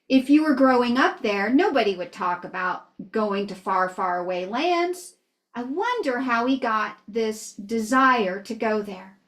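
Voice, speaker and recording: Slow, earnest woman telling a children's story. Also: on the high side. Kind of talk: reading a missionary story to children.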